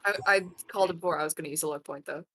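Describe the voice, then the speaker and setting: Bright-voiced woman playing a tabletop game. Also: deep voice, very fast, no room sound. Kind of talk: casual table chat.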